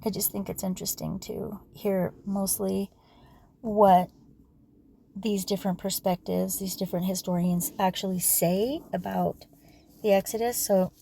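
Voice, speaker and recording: A woman losing her voice, reading history aloud at a casual pace, with asides and throat clearing. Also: mid-range voice, fairly even intonation, measured pace, mellow, slight background noise. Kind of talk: casual read-aloud for sleep.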